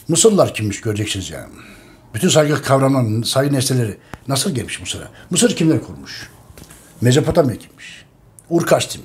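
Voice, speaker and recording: Man, middle pitch, impassioned monologue, repeats every phrase, urgent and pleading. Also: darkish tone. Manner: emphatic, repeats phrases, calls listeners friends; urgent, pleading with viewers to share. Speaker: channel host presenting his history book.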